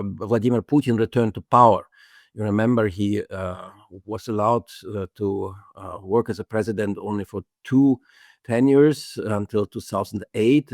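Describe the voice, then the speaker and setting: Older guy, low and gravelly, keeps saying uh, halting, dry sound. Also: darkish tone, no room sound. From Germany. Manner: hesitant, many fillers and restarts. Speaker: guest. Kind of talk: interview answers.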